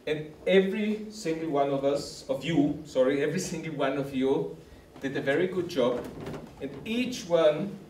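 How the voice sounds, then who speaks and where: Man, slightly high voice, formal encouraging speech, echoey room, distant mic. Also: normal speed, few pauses, a little mellow, slight background noise. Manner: formal, encouraging, repetitive phrasing. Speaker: camp organizer. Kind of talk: closing speech to participants. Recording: roomy hall from a distance.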